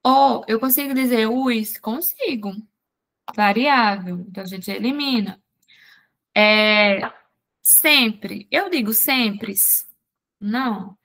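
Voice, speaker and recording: A woman teacher works through exam questions in a grammar lesson. Her voice sits a little high, and she speaks at an unhurried pace. She moves step by step, posing quick questions and answering them herself. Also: fairly bright tone. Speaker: Portuguese teacher.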